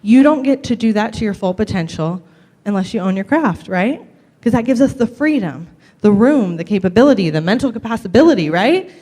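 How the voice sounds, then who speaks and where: A woman's voice: mid-range voice, lively intonation, moderate pace, warm tone. A woman hosting a live panel at an event, upbeat and emphatic, speaking into a handheld mic in a venue. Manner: upbeat, emphatic, repeats words for stress. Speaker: panel host. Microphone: handheld microphone. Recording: reverberant hall.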